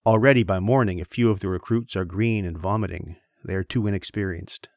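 Deep-voiced man, grave literary reading. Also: dry recording, clean studio sound. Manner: measured, grave delivery that slows on tense passages. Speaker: podcast host reading aloud.

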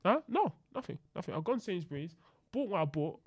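A man's voice: high voice, very animated, a little fast, no echo, studio quality. A man with a London accent co-hosting a podcast, bantering and telling anecdotes in slangy, jokey speech that often repeats phrases. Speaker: podcast co-host. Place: podcast studio.

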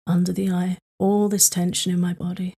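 A woman leading a guided tapping meditation for sleep, speaking in slow, soothing, repetitive prompts. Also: fairly low pitch, little pitch movement, mellow, slightly rough.

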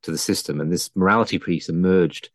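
A man's voice: low voice, quick pace, no room sound, studio quality. A man giving historical commentary in a conversational style.

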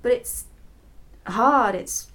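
A woman's voice: on the high side, drawn-out words, fairly bright tone. A British woman playing a homesick, tender mother working far from her family in an audio drama. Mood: tearful, homesick.

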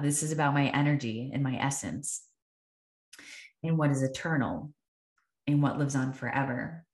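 A woman hosting a podcast, telling a personal story in an earnest, reflective way and repeating phrases for emphasis. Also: low voice. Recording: echoey room.

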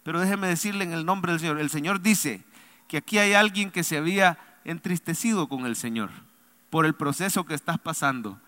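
A male pastor preaching a sermon, leading the congregation to answer him aloud and swinging between loud emphatic lines and soft low asides. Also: fairly quick. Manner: preaching with call-and-response to the congregation. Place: church sanctuary. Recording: long reverb of a large hall.

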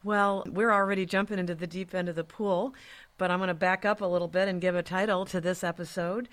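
A woman's voice: fairly low pitch, fairly even intonation, fast talker. An earnest woman hosts a podcast conversation. She speaks reflectively and steadily, often adding small murmurs of agreement. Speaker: podcast host.

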